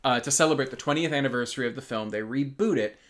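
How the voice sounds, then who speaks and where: A man's voice: mid-range voice, fast talker, a bit bright. A man co-hosting a podcast, recapping a film series in casual chat, rambling with many ums and restarts. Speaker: podcast co-host.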